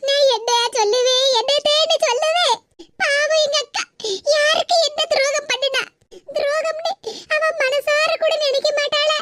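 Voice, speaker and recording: A woman's voice: extremely high pitch, fairly even intonation, normal speed, background noise, pitched above the performer's own voice. A woman voicing a sly, scheming younger sister in a cartoon, coaxing and mock-tearful, with a Tirunelveli Tamil accent.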